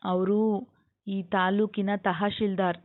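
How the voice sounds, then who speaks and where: A woman's voice: medium pitch, flat delivery, takes it slowly, close to an everyday voice. A woman reading as a tearful, hesitant young woman. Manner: hesitant, anxious. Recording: tinny phone-like sound.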